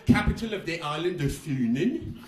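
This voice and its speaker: A man's voice: on the high side, lively intonation, moderate pace, echoey room, far from the mic, close to an everyday voice. An actor with a put-on Danish accent playing a fussy male tourism officer who hesitates and addresses the audience on stage. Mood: earnest. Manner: hesitant, full of uhs, speaking to audience. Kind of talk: stage comedy monologue. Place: theatre stage.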